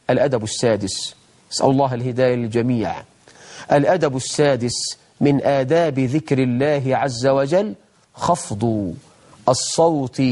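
A middle-aged man with an Egyptian accent hosting a religious TV lesson, talking in lively colloquial speech, slowing down to recite verses solemnly. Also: medium pitch. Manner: lively, mock-imitates people, then slows for solemn recitation. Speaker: TV religious program host, sheikh.

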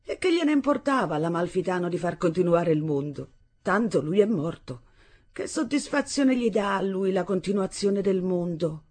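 A woman's voice: on the low side, animated, moderate pace, a little mellow, slightly rough. A woman voicing a lazy, mocking father who drawls scornfully, in a novel reading. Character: lazy mocking young father, sprawled in bed.

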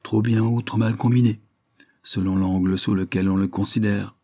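A man's voice: fairly low pitch, fairly even intonation, moderate pace, warm tone, dry recording, clean studio sound. A man voicing a young engineer who speaks in an ironic, mocking way.

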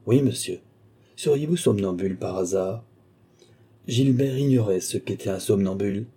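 A man narrating a classic novel as an audiobook in a steady, even storytelling manner. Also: mid-range voice, breathy edge. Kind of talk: scripted narration.

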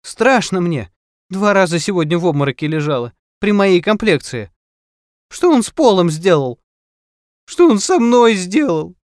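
A man voicing a distraught, plump middle-aged mother who talks in a high, shrill, tearful voice. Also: sing-song, unhurried, darkish tone, no room sound, clean studio sound. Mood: frightened.

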